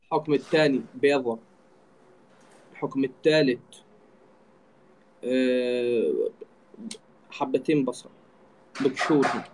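A man's voice: mid-range voice, steady tone, a little slow, long pauses, darkish tone, slight background noise, poor audio. A man with an Egyptian accent, chatting casually and teasingly as he hosts a live stream. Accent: Egyptian Arabic. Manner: joking, teasing. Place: indoor room, live video call.

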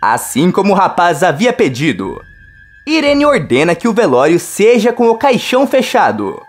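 A woman narrating a soap opera recap in a slow, steady storytelling manner. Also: on the low side, faint music behind.

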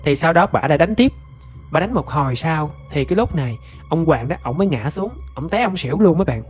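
A man's voice: on the high side, animated, fairly quick, soft background music. A man with a Southern Vietnamese accent narrating a ghost story in a chatty way, often addressing his listeners directly.

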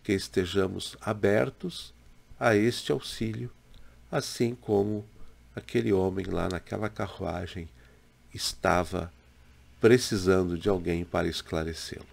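A man in his sixties from Brazil, a pastor giving a slow, measured daily devotional to a webcam in a small home room. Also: deep voice, creaky. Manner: slow, measured, gentle preaching with pauses. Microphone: webcam in front, head and shoulders.

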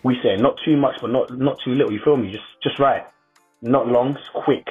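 A young man with a London roadman accent does a casual, joking voice-over full of slang. His voice is medium-pitched, brisk and slightly rough, and the slightly muffled recording has music behind it.

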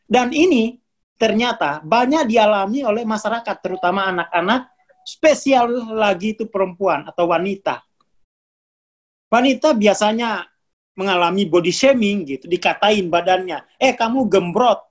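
A lecturer talks through spiritual ideas in a casual, conversational way, at a middling pitch. The speaker keeps repeating cautions and breaks into laughter between points. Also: moderate pace. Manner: repeats warnings, laughs often.

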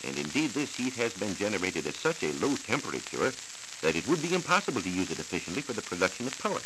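Reading from a script in a radio studio, an American science reporter with a lowish voice and big pitch swings teaches in a measured, formal way for a 1940s educational broadcast. The sound survives on a hissy old transcription disc.

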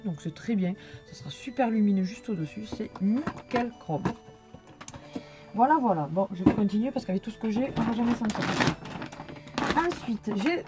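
A woman's voice: medium pitch, dark tone. A young woman chatting casually through a shopping haul vlog, with many fillers and restarts. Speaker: vlogger showing shopping haul.

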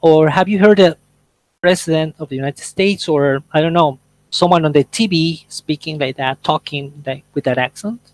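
Slow, patient male English teacher. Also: fairly high pitch, no room sound, rough recording. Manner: explains slowly, checks in with "¿ok?" and "¿sí?". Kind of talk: online language workshop.

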